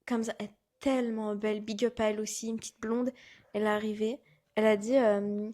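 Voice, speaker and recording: A young woman from France in her twenties, co-hosting a casual podcast chat, telling an animated story and acting out what people said. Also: mid-range voice, fairly quick. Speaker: podcast co-host.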